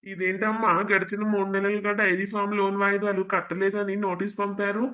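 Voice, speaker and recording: A man's voice: high-pitched, little pitch movement, a little fast, dull audio, lightly acted. A man voicing a worried, proud elderly village father in a cartoon family drama, speaking sternly with authority. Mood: alarmed.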